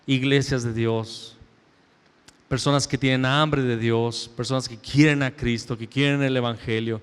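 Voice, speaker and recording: Emphatic preacher in a reverberant church. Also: male voice, clean tone. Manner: emphatic preaching, swinging between loud raised lines and hushed low asides. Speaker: pastor. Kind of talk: sermon. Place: church sanctuary.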